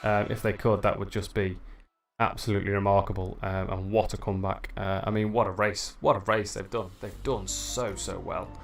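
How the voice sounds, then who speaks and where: A man with a lowish voice commentates a virtual bike race on a livestream. He talks casually to his viewers and the riders. Soft music plays behind him. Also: normal speed, vocal fry. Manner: excitable, shouts at the finish, chatty with viewers.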